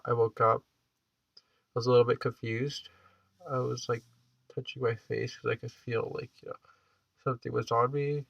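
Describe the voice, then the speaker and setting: Young guy vlogging, super gravelly vocal fry, stuffed up nose, kinda rambly, muffled cheap audio. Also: medium pitch, fairly bright tone, no echo. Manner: hesitant and rambling, heavy use of "like". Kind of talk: casual personal vlog, rambling storytelling.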